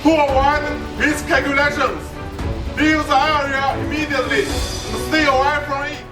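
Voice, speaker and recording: A coast guard radio operator giving a formal, measured warning over a marine radio transmission. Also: sits high, fairly even intonation. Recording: distant echoey radio clip under music.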